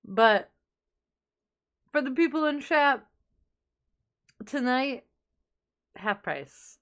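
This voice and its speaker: A woman hosts her livestream with a bright, tense-edged tone and a somewhat high voice. She talks slowly and lazily, trading crude jokes and playing them mock-serious. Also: animated. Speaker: livestream host. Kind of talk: casual chat on a livestream.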